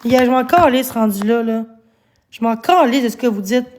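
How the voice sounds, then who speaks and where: A woman's voice: fairly high pitch, moderate pace, darkish tone, a little hiss or hum. A woman with a Québécois accent, streaming live and angrily scolding her chat, swearing often. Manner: angry, swearing, scolding viewers. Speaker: livestreamer.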